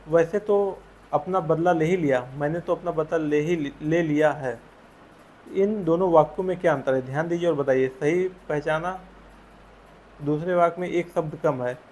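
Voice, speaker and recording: A man's voice: on the high side, slight background noise. A man teaching a school textbook chapter, patiently explaining answers and asking leading questions to his students.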